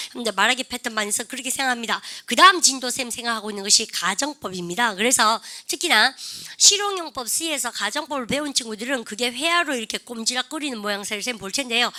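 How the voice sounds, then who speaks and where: A woman runs an English speaking class, animatedly drilling students with prompts and slow, drawn-out example phrases. Her voice is a little high, and this is a classroom lesson.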